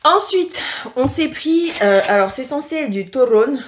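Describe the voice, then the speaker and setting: A woman giving a casual taste-test review to camera, talking frankly and often pausing on filler sounds and restarts. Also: high voice, animated, noisy background. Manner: chatty and frank, leaning on "franchement" and "concrètement"; hesitant, with frequent filler sounds and self-corrections. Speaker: food tasting vlogger.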